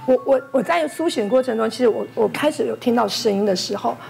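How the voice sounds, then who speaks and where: A woman doctor on a talk show, retelling a near-death birth in a quick, stammering way. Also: on the high side, vocal fry, a little mellow, a little hiss or hum. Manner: fast, stammering retelling with quoted voices. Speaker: doctor guest. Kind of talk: emotional storytelling on a talk show.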